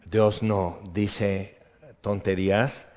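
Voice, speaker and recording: Male preacher, low voice, conversational sermon storytelling, dull reverberant hall recording. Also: flat delivery, drawn-out words. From rural upbringing. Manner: conversational storytelling, drops to quiet asides. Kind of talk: sermon with personal story and Bible reading.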